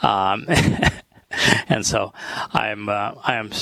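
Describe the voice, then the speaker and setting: A man hosting a talk show with scripture study, speaking in a halting, thoughtful way with many pauses. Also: lowish voice, fairly even intonation, gravelly, pushed and bright, no echo, rough recording. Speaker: host.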